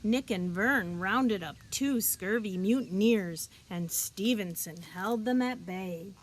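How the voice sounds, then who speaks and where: A woman with a mid-range voice reads a children's picture book aloud, expressive and deliberate, the way a teacher would for young listeners.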